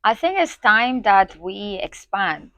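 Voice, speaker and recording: A woman's voice: medium pitch, big pitch swings, takes it slowly, fairly bright tone. A woman from Spain, a guest in an interview, talking about her work with many fillers and restarts. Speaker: guest, community organizer. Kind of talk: conversational interview.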